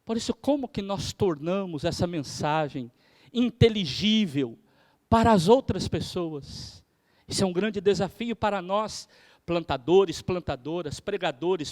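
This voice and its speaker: Guy teaching preaching, high voice, echoey hall, really varies his delivery. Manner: expressive, varies pace and loudness for emphasis. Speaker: theology professor. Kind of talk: lecture on preaching. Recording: hall reverb.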